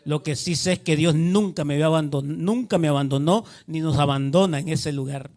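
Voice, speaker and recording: A man's voice: fairly high pitch, a little fast, a little mellow. A man giving an earnest testimony sermon, often repeating himself and quoting others in dialogue. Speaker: preacher.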